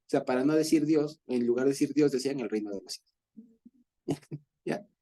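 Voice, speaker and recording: Chuckling Ecuadorian man, mellow voice. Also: mid-range voice, moderate pace. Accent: Ecuadorian Spanish. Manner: chuckles often, explains with everyday examples. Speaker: Bible study leader. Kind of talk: Bible study discussion.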